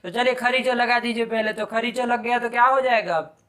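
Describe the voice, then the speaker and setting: A man teaching Sanskrit grammar in a live class, quizzing his students briskly and scolding them sharply when they answer wrong. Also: very high voice, fairly even intonation, fairly bright tone.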